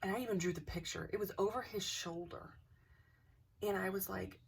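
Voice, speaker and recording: A woman telling a personal ghost story to camera in a casual, animated way, acting out the dialogue and sometimes dropping to a whisper. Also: medium pitch, moderate pace, gravelly, husky. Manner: animated, acts out quoted dialogue, drops into whispers. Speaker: craft channel host. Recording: voice a bit distant from the mic.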